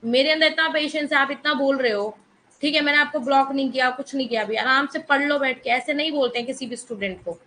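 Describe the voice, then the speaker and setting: Woman teacher, high bright voice, firm lecturing tone, faint background noise. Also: fast, poor audio. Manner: firm, scolding students in a live chat; mixes Hindi with English terms. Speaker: economics teacher. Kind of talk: online class lecture.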